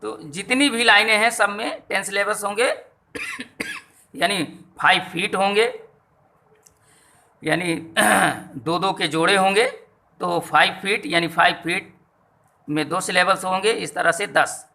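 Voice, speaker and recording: Man, teacher, slow and repetitive, high voice. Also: big pitch swings, gravelly, bright, forceful tone. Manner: slow, repetitive explaining to students. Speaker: English teacher. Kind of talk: classroom lesson on poetry meter.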